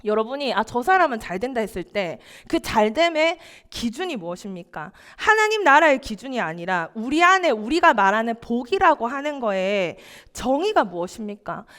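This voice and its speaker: A woman's voice: a little high, very animated, moderate pace, few pauses, a bit bright. A young woman preaching to a church youth group, often asking the listeners questions and acting out family quotes. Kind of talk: sermon.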